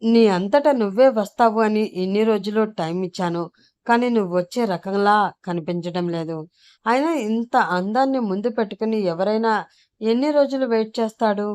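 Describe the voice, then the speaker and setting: A woman's voice: medium pitch, moderate pace, darkish tone, clear, resonant tone, no room sound, close to an everyday voice. Leering drunk villain man, as a woman narrator reads him, pushy and menacing, dry sound.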